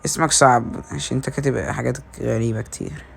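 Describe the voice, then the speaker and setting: Fast, gravelly Egyptian gamer man. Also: medium pitch, slight background noise. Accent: Egyptian Arabic. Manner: excitable, calls out to teammates and teases them. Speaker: gaming video creator. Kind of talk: casual gameplay commentary with teammates.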